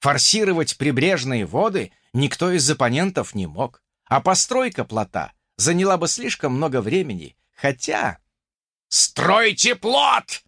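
A man reading a fantasy audiobook in the first person with expressive storytelling. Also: medium pitch, moderate pace, few pauses, no echo, studio quality. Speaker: audiobook narrator.

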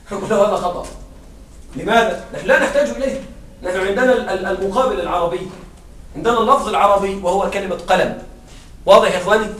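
A man's voice: high voice, quick pace, pauses often, fairly bright tone, slight background noise. A male teacher giving a classroom grammar lesson, often quizzing his students and restarting words as he explains. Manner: questioning students, repeats and restarts. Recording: roomy classroom sound from far off.

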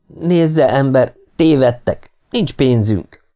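A man's voice: medium pitch, dark tone, pitched above the performer's own voice, lightly acted. A man voicing a frightened male captive who pleads with his kidnappers. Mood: pleading. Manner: pleading, agitated.

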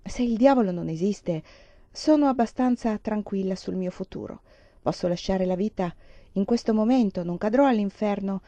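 A woman's voice: mid-range voice, normal speed, mellow, no echo, dull audio, lightly acted. Woman reader voicing a defiant dying woman; bitter irony, dry close sound. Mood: ironic.

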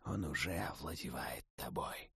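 A man voicing a calm, imposing male god of death who speaks in a low hush, for an audiobook. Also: unhurried, gravelly, husky, no room sound, clean studio sound, exaggerated voice.

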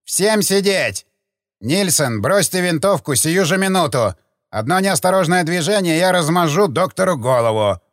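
A man voicing a calm, cold villain posing as a preacher, with an icy, flat, robot-like delivery. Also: a little high, normal speed, no echo, clean studio sound, voice pushed up. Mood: commanding. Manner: calm, impassive, commanding.

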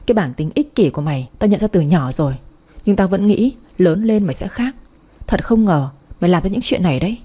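A woman's voice: fairly low pitch, animated, a little fast, warm tone, slightly rough. A woman voicing a stern furious father. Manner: scolding, accusing.

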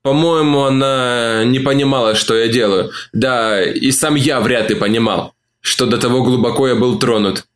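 A man reading a novel aloud as an audiobook, narrating in the first person at a measured, calm pace. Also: medium pitch.

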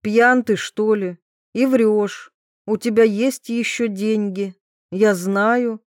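A woman reading a scheming, sharp-tongued provincial wife who is imperious and scornful, voiced higher than her own voice. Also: steady tone, slow, no room sound, clean studio sound, natural voice.

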